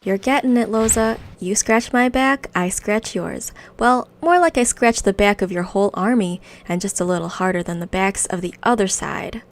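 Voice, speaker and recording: A woman's voice: mid-range voice, moderate pace, hardly any pauses, natural voice. Sly, wheedling goblin fixer handing out favors, a woman reading him aloud. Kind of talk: reading quest text aloud in character.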